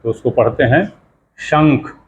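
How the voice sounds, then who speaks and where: A middle-aged man, a pandit, teaching how to pronounce mantras, repeating key sounds slowly and asking rhetorical questions. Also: medium pitch. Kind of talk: spoken lesson to camera. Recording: slightly dull lo-fi sound, faint background noise.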